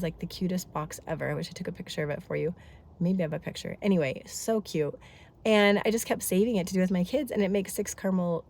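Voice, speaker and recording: A woman's voice: on the low side, a little mellow, slight background noise. A woman in her thirties chatting casually in a family vlog, congested from a head cold, talkative and rambling with lots of asides. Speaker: family vlogger.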